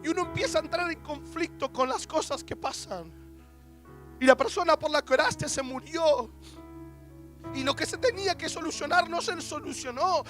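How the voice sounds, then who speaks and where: High-voiced young preacher. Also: male voice, moderate pace, a bit bright, faint music behind. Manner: emotional storytelling with quoted dialogue. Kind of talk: testimony sermon.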